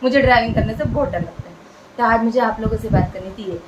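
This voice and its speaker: A woman's voice: on the high side, quick pace, background noise. Earnest chatty woman. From India. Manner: earnest, chatty, repeats phrases for emphasis. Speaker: vlogger. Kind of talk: casual talk to camera.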